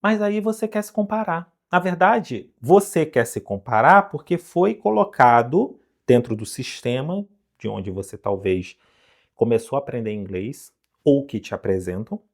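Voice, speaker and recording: Brazilian male English teacher, lively pitch, coaxing rhetorical-question delivery, direct to camera. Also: a little slow. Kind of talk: online lesson to camera.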